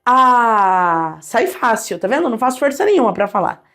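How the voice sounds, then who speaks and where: High-voiced woman teaching grammar. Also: fast. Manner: lively, addresses viewers directly, models sounds aloud. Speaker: Portuguese teacher. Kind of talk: online grammar lesson.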